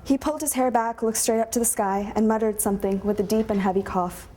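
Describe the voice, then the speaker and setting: Mellow young woman telling a story. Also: on the high side, steady tone, a little hiss or hum. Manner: measured, reflective storytelling. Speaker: student storyteller. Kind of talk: reading a personal story aloud at a live event. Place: conference room before an audience.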